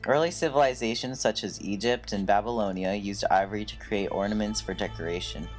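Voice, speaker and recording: A man with a fairly low voice reads scripted documentary narration. Faint music runs behind him as he speaks. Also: fairly quick, rough recording.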